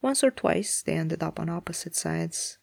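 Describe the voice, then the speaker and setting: A narrator reading a story aloud in a measured, even way. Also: mid-range voice, creaky, no echo.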